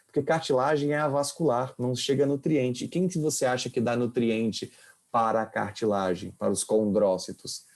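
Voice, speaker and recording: A man's voice: medium pitch, steady tone, moderate pace, a little mellow. A male professor giving an informal anatomy lecture, quizzing his students with questions as he explains. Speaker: kinesiology professor.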